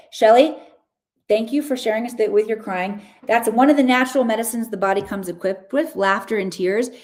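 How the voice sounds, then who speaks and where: A woman who hosts a podcast and does Akashic readings gives an enthusiastic, chatty spiritual reading sprinkled with casual slang. Her voice is mid-range with a darkish tone.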